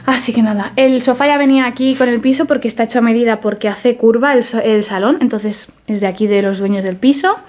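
A woman's voice: fairly high pitch, quick pace, few pauses, a little mellow. Chatty young woman giving a tour. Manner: chatty, laughs often, lists items offhandedly. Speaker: beauty vlogger giving a home tour. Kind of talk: casual home tour walkthrough. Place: small apartment, indoors. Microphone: handheld phone camera.

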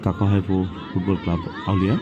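Man, deep-pitched, live match commentary, clipped repeated announcements, noisy outdoor ground with crowd. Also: little pitch movement, fast talker, lo-fi sound. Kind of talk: live penalty shootout commentary. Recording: loud outdoor crowd and ambient noise.

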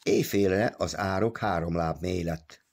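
A man narrating an audiobook in a measured storytelling manner. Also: low-pitched, gravelly, a little mellow. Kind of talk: scripted narration.

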